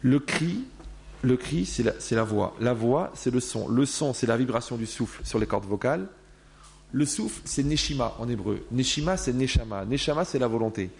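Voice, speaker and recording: A man giving a lively class to an audience into a microphone, acting out everyday people as he explains. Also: medium pitch, vocal fry. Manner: animated, acts out everyday people in quick voices. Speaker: religious teacher. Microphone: microphone in front of a live class.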